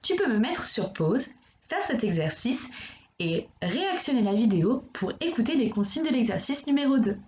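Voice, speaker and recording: A woman primary school teacher talking a young child through exercises in a recorded lesson, with slow, careful enunciation. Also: fairly high pitch, big pitch swings, darkish tone, a little hiss or hum. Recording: echoey room.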